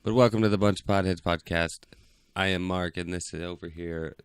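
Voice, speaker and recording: A man's voice: low voice, steady tone, a little fast, clean tone, dry recording. A young man co-hosting a casual podcast, laid-back and rambling, with a close mic and headphones on. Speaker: podcast co-host. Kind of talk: casual chat.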